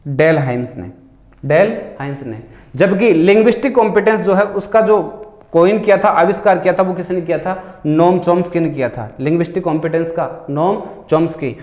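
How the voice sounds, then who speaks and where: A male tutor, speaking in a fairly high voice. He asks his listeners questions and then answers them himself, and he reads English quiz lines out slowly, one word at a time. The room around him is echoey. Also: darkish tone. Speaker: teacher. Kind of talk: exam-prep lecture.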